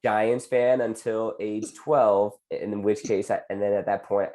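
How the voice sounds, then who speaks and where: Bay Area man, low and mellow, rambling sports-podcast co-host. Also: unhurried. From San Francisco Bay Area. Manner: relaxed, rambling, lots of fillers. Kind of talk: casual sports chat.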